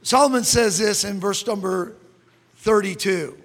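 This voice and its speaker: Preaching a sermon in a church sanctuary, a man with a high voice and a gravelly edge reads from scripture and grows fervent enough to shout. He is unhurried, and the hall adds long reverb.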